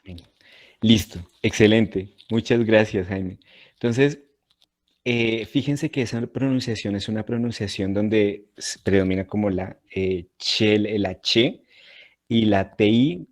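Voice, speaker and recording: A man's voice: on the low side, a little slow. A man teaching an online Latin class, explaining patiently and checking in with his students.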